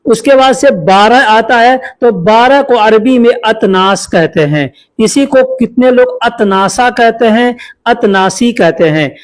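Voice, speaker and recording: A man's voice: very high voice, a little slow, hardly any pauses. A man teaching a spoken language lesson, saying each line twice in a patient, repetitive way.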